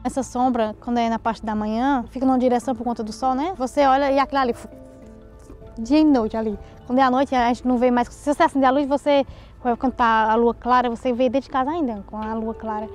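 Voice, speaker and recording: Mother, quick and animated, higher voice. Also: soft background music. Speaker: local resident, mother. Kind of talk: interview testimony.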